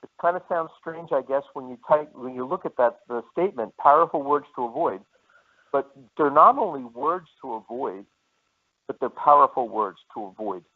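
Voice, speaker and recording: A man giving an insurance sales training, lecturing in a repetitive way and slowing down to list key words. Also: mid-range voice, lively intonation. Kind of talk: training presentation. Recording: tinny phone-like line.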